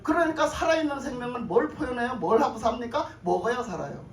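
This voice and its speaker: Her voice a little high and expressive, a woman pastor preaches at a quick pace inside a church sanctuary. She poses frequent questions to the congregation, echoes her own phrases, and chuckles, with the echoey recording placing her far away amid faint noise.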